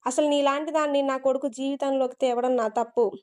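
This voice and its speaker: A woman's voice: sits high, steady tone, a little fast, a little mellow, lightly acted. A woman reading the lines of a stern, protective older father in a storybook narration, harsh and scolding.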